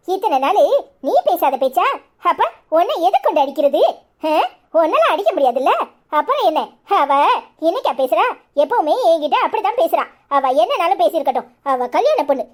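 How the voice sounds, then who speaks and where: A woman with a Kanyakumari Tamil accent voicing a quarrelsome young village wife in a cartoon, scolding and sarcastic. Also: extremely high pitch. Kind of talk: cartoon voice acting.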